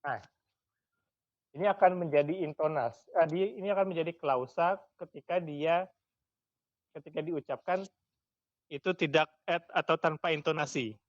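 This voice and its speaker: A man leading a classroom discussion as lecturer, asking probing questions and working slowly through examples. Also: on the high side, no room sound, dull audio. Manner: questioning, slow and deliberate with examples.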